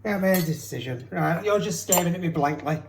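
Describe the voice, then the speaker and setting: A man's voice: fairly high pitch, quick pace. A man co-hosting a cooking demonstration at home, chatting and teasing while he chops. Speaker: cooking show co-host. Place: home kitchen. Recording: echoey kitchen with background noise. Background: chopping sounds.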